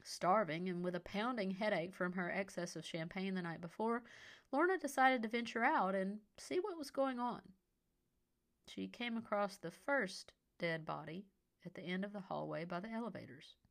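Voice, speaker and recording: Woman narrating a story, measured. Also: mid-range voice, creaky.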